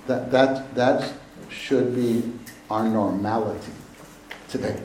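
A man preaching a sermon at a pulpit microphone, slow and emphatic, often repeating his phrases. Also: lowish voice, a little mellow. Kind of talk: sermon to a congregation. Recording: echoey hall with faint room noise.

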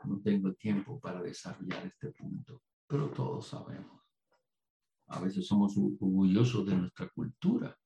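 A man from Puerto Rico preaching a sermon at a conference, animated and digressive, with asides to the audience, in an echoey hall. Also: on the low side, unhurried, creaky, dull audio.

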